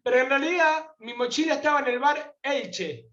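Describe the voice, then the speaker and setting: A man's voice: very high-pitched, a little fast, roomy sound, highs cut off. Argentine man telling an emotional story. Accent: Argentine Spanish. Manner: animated, acts out quoted voices. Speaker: guest pilgrim.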